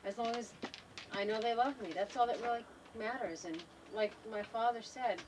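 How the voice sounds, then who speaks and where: A woman's voice: fairly high pitch, normal speed, distant mic, background noise. An older woman in a travel trailer, talking thoughtfully and unhurriedly to a home video camera, often trailing off and restarting her sentences. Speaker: wife in a family home video. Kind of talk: casual reflective talk to camera.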